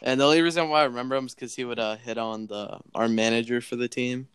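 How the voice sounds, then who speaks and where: A man's voice: mid-range voice, steady tone, fast, a bit bright, clean tone, no echo. A young man guest in a casual chat with old friends, making dry, offhand remarks.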